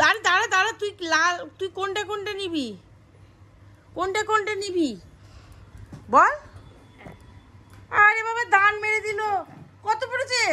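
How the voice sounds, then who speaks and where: A family vlogger, this woman chats casually during a board game at home in an extremely high, pushed, bright voice. She sounds coaxing and exasperated, sighing often.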